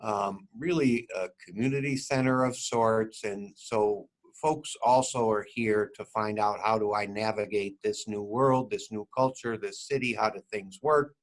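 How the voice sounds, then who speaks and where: A middle-aged man who runs a community center, speaking casually in an interview with many ums and restarts. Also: on the low side. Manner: halting, many fillers and restarts. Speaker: community center board member. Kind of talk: casual video-call interview.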